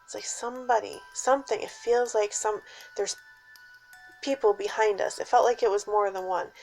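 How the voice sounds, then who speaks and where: A woman casually telling a personal scary story in a suspenseful, dramatic way, with hushed dips and emphatic stresses. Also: mid-range voice, steady tone, normal speed, vocal fry, faint music behind, rough recording.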